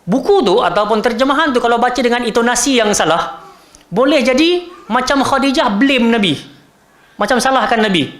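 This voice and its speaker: Animated high-voiced male religious teacher. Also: fairly quick, echoey room. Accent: Malaysian Malay. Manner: animated, acts out quotes and asks the audience. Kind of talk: Malay-language religious lecture.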